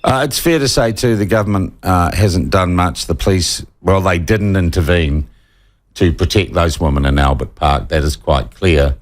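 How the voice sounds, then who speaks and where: A man's voice: sits low, moderate pace. A man hosting a talk radio interview, asking pointed, opinionated questions.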